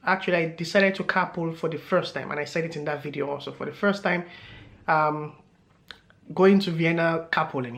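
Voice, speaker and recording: A man's voice: sits high, a bit bright. A man vlogging to camera, telling a story in a loose, meandering way, with many fillers and laughs along the way.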